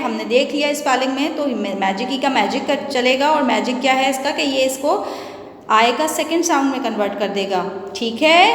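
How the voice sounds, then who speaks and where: A woman teaching an English phonics lesson, speaking slowly and patiently, mixing Hindi and English and asking questions she then answers herself. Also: high voice. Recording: echoey room with long reverb.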